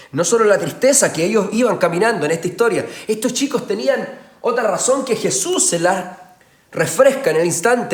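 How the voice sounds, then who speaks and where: Guy preaching a sermon, goes soft then loud, kinda high voice, church echo all around. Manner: emphatic, swings between soft hushed passages and loud raised ones. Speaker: pastor. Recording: roomy echoey church sound.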